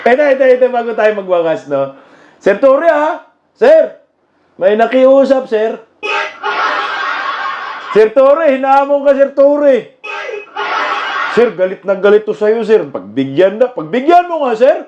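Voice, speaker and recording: A man giving casual political commentary, mocking and laughing often, now and then bursting into shouts. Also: sits high, big pitch swings, normal speed. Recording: dull lo-fi with clear background noise.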